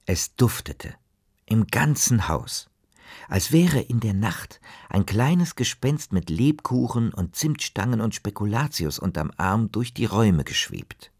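A man reading a children's story aloud, expressive and dramatic, sometimes dropping to a whisper for suspense. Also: on the low side, unhurried, breathy edge.

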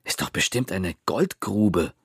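A man's voice: deep voice, animated, unhurried, husky, no echo, clean studio sound, full character voice. A man voicing a brash young boy who orders his friends around. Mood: curious. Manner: pushy, brash. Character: bossy young boy covering his fright.

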